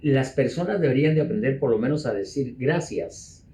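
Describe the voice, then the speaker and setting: A man speaking as an interview guest in a dark, mellow voice. He explains at a measured pace and repeats words as he goes. He slows down to stress his points. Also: medium pitch, expressive. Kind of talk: conversational explaining.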